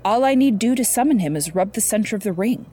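A woman voicing a calm, persuasive male sorcerer in a measured, courteous storybook reading. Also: medium pitch, slightly rough, soft background music, pitched above the performer's own voice.

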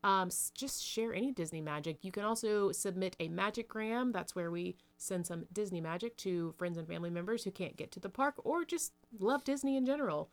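A woman's voice: medium pitch, fairly quick, few pauses. A woman co-hosting a casual podcast, rambling cheerfully through the show's sign-off plugs. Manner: chatty, upbeat, rambling outro plugs. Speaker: podcast co-host.

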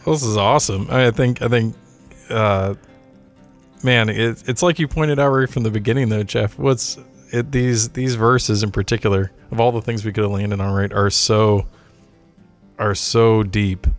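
A man in a casual faith discussion, agreeable and halting, with many fillers. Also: on the low side, fairly even intonation, soft background music. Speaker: co-host.

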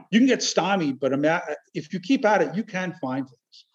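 A man talking casually in an interview, halting and rambling but enthusiastic. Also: high voice, animated. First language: Chiac French. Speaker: amateur military history researcher, podcast guest. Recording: dull, lo-fi audio.

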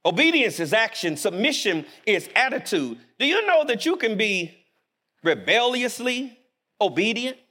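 A man preaching a sermon in a chapel, animated and emphatic, dropping suddenly to quiet words. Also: sits high, measured pace.

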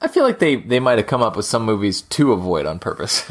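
A man's voice: on the low side, sing-song, fast talker. Easy-laughing podcast co-host, a man. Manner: laughs easily, tentative. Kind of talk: casual chat.

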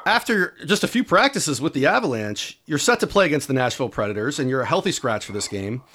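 A man hosting an interview, asking questions in a lively way. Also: medium pitch, fast talker. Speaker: podcast host, interviewer.

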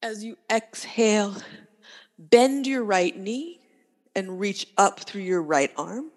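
A woman instructor guiding a yoga class with calm, unhurried cues in short, breath-led phrases. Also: medium pitch. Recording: long reverberant room echo.

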